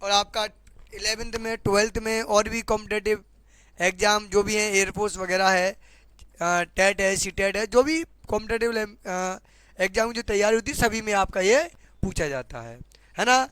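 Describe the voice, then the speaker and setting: High bright-voiced man teaching grammar. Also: normal speed, smooth, no room sound. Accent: Hindi. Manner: repeats questions to the class, asks "है ना?". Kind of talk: classroom lesson explaining grammar.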